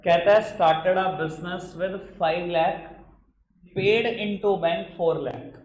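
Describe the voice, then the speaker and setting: Male accountancy teacher from Uttar Pradesh, high voice, teasing and chiding, echoey classroom. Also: fairly even intonation. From Uttar Pradesh, India. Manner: chiding, teasing teacher who calls students "babu"; reads questions out slowly in English. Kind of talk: classroom lecture mixing Hindi and English. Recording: echoey room.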